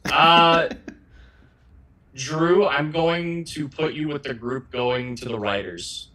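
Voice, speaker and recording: A man running a tabletop game as game master, talking in a halting way with many fillers. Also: fairly high pitch, sharp tone, low-quality recording. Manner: halting, filler-heavy delivery.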